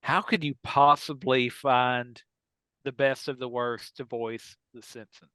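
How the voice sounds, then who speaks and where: A podcast host jokes around casually with the others on his show, his mid-range voice steady, unhurried, bright and forceful. The sound is clean, with no echo.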